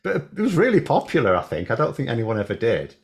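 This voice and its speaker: A man's voice: mid-range voice, huge pitch swings, fast talker, gravelly, darkish tone. A man co-hosting a talk show, casually arguing his points in colloquial, discursive conversation. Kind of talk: casual chat.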